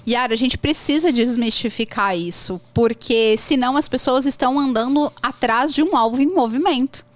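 With a high voice at normal speed and no room sound, this Brazilian woman, whose accent is Brazilian Portuguese, tells lively stories and hands out casual tips on learning English. She repeats herself for emphasis in an animated, conversational way.

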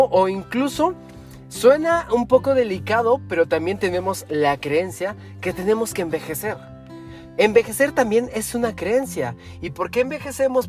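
A man speaks in a notably high voice, coaching the listener through a self-help talk. He talks animatedly, asking himself questions and counting off steps. Soft music plays faintly behind him. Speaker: motivational speaker.

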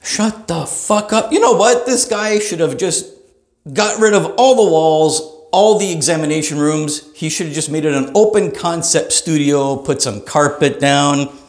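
A man's voice: on the high side, moderate pace, roomy sound. A man hosting a comedy podcast, ranting in a profane, rambling way with laughing asides, recorded in a small private studio. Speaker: podcast host. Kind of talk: comedic rant.

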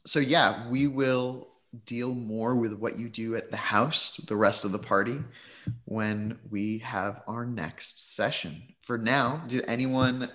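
A man's voice: mid-range voice, steady tone, slow, fairly bright tone. A man acting as game master, narrating a tabletop role-playing game. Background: faint plucked guitar music.

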